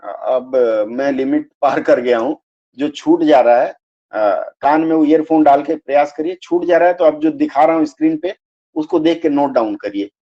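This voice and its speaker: A man's voice: on the high side, normal speed, dark tone, highs cut off. A man teaching a live online grammar class, explaining step by step and checking that students understand.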